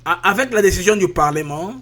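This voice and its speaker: A man's voice: high voice, a little fast, over a noisy crowd. A male journalist asking long, winding questions with frequent fillers. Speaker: journalist interviewer. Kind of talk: interview questions.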